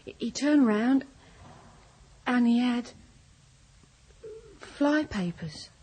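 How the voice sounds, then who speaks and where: A frightened stammering servant girl in a radio drama, high voice. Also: animated, very slow, a little mellow, breathy edge, full character voice. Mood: nervous. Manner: nervous, hesitant, stammering. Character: timid young female servant girl, easily frightened.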